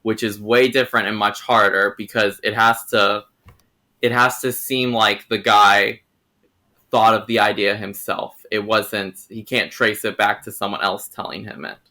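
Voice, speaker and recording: Bright-voiced young man rambling casually. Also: lowish voice, level tone, unhurried. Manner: rambling, restarts and hedges. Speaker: host. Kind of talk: casual film review chat.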